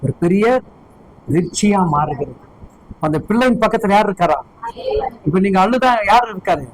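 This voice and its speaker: A man's voice: high voice, animated, moderate pace, a little hiss or hum, rough recording. A man preaching a sermon as pastor, fervently firing repeated questions at his congregation.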